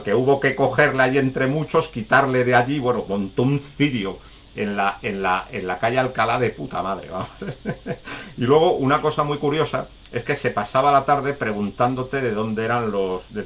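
A man's voice: mid-range voice, moderate pace. A man telling funny anecdotes in a casual live chat, often laughing and acting out the people in his stories. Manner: chatty, laughs often, acts out quoted voices. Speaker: guest storyteller. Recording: phone-like call audio.

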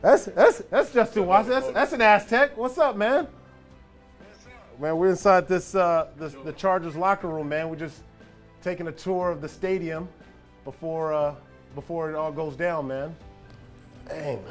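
Relaxed man telling a stadium story. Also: high voice, measured pace, soft background music. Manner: relaxed, reflective, animated when greeting a friend. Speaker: former football player giving a stadium tour. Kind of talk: casual storytelling walk-and-talk. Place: empty locker room, then an empty open-air stadium.

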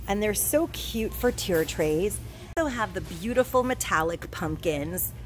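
A woman's voice: medium pitch, lively intonation, measured pace, soft background music. A middle-aged woman giving a gushing, enthusiastic shop-with-me narration, filming on a handheld phone inside a discount store. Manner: gushing, enthusiastic product descriptions. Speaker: shopping vlogger. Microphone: handheld phone camera.

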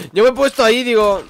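Spanish guy from spain yelling through a shooter game, high jumpy voice, gunfire going off behind. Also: slight background noise. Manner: excitable, exclaiming and talking to himself. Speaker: gaming youtuber. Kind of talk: live gameplay commentary. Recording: gameplay audio with gunfire behind.

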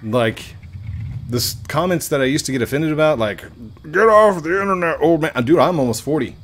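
Animated and a little fast, this gaming YouTuber in his late thirties has a fairly high-pitched voice as he jokes at his own expense and rambles over his gameplay. He uses a headset mic at his home desk, and there's slight background noise.

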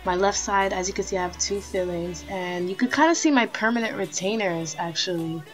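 A woman's voice: medium pitch, brisk, soft background music, poor audio. A young woman vlogger talking casually while her finger stretches her mouth open, so her words come out mumbled. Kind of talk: casual vlog Q&A.

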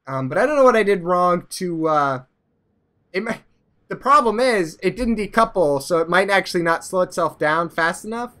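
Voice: mid-range voice, lively intonation, normal speed, a bit bright. A let's play host giving casual, rambling game commentary, often trailing off into mumbles.

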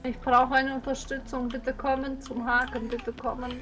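A woman chatting casually while gaming with friends, excitable and expressive, given to loud outbursts. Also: sits high, moderate pace, faint music behind. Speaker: gaming streamer playing with friends.

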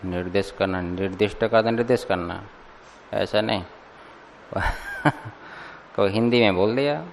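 A man teaching a Sanskrit scripture class, explaining slowly and deliberately and putting questions to his students. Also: fairly low pitch, creaky, slight background noise. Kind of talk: classroom commentary lecture. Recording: long hall reverb.

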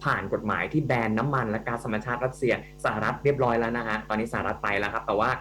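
A male radio host giving brisk news updates in a talk show conversation. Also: mid-range voice, steady tone, a bit bright, faint music behind. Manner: brisk, news-reporting delivery. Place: radio studio. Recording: radio studio with faint mains hum.

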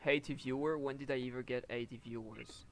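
A man's voice: medium pitch, steady tone, brisk. A young man streaming a horror game, chatting casually and teasing a friend over voice chat, laughing often. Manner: joking, teasing, laughs a lot. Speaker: gameplay streamer. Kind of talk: casual voice chat while gaming. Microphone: headset or desk mic on voice chat.

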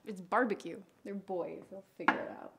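An actress playing a bitter, reckless woman who presses her former lover in low, urgent whispers. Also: normal speed, gravelly, heavy background noise, lightly acted. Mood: casual. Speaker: actor in a filmed scene. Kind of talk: film scene take.

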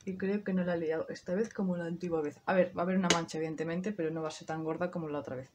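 A woman's voice: lowish voice, steady tone, racing, a little hiss or hum. Chatty Spanish woman doing her makeup. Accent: Spain Spanish. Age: 30s. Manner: chatty, talks straight to viewers, casual swearing. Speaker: beauty vlogger. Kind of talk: casual makeup tutorial chat.

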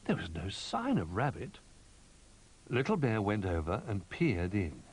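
A man narrating a children's storybook in an animated, sing-song manner. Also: fairly low pitch, a little slow, slight background noise. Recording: music under narration.

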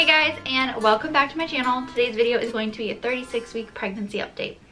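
A woman's voice: a little high, fairly even intonation, quick pace, music in the background. A young woman vlogging a casual pregnancy update from home to a camera on a tripod, a little short of breath and chatty, with many ums and likes.

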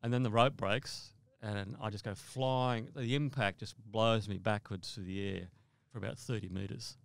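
A man from Australia, a mountaineer guest in an interview, telling a vivid story in a halting way with repeated words. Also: lowish voice, steady tone, gravelly, dry recording.

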